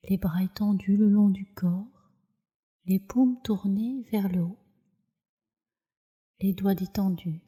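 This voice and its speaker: Here a female yoga nidra teacher at medium pitch walks listeners through a guided relaxation meditation. Her delivery is gentle, calming, and measured, with each phrase fading out breathily.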